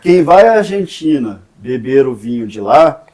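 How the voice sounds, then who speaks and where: A man talking casually and warmly about his town, joking and urging visitors to come. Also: mid-range voice, very animated, a little slow. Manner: enthusiastic, joking, inviting. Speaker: local interviewee promoting the town. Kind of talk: casual chat.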